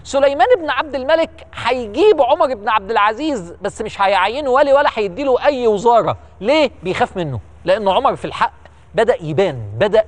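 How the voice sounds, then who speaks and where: A man with an Egyptian accent telling history as an animated, emphatic storyteller who repeats words for effect. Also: extremely high pitch, quick pace. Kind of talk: lively storytelling lecture.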